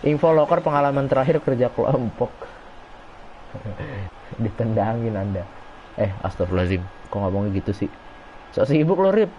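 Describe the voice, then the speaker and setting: Casual male streamer, mid pitch, reacts aloud to each play and reads chat, dull lo-fi mic with faint hiss. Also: lively intonation, moderate pace, a little mellow. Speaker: gaming streamer. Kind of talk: casual live game commentary.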